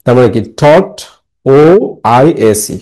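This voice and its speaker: A male teacher from Bangladesh walks young students through a story, reading each phrase and translating it patiently. His voice is warm and mellow, and he speaks at a very slow, deliberate pace. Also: medium pitch, animated, poor audio. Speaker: English teacher. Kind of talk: line-by-line Bengali-English lesson.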